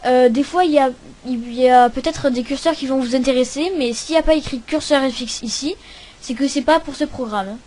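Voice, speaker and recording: A young woman hosting a casual computer tutorial, talking hesitantly with many pauses and restarts. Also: high-pitched, a little mellow. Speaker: tutorial host. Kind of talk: casual screen-recording tutorial.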